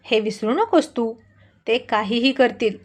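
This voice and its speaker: A woman voicing an affectionate mother and wife who gently teases her husband and daughter. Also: fairly high pitch, unhurried. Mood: scolding. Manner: laughing, gently teasing.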